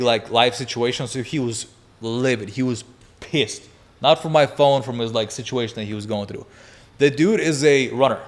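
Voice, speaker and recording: Young man telling a wild story. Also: mid-range voice. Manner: energetic, profane, laughing through the story. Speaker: podcast guest. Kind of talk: animated storytelling in casual chat.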